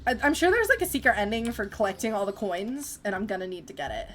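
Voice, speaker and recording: A young woman talks her way through a game in a casual, chatty way. She reads the on-screen text aloud, laughs often and reacts freely as she plays, with a mid-range voice that is neither high nor low. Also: big pitch swings, fast, a bit bright, faint music behind. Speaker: gamer streamer. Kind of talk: casual let's-play commentary.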